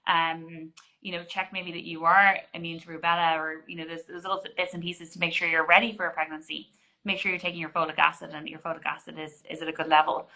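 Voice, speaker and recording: A woman's voice: deep voice, level tone, quick pace, pushed and bright, rough recording. A woman in her forties, a GP, answering interview questions in an explanatory way with many restarts. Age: 40s. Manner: explanatory, frequent restarts and fillers.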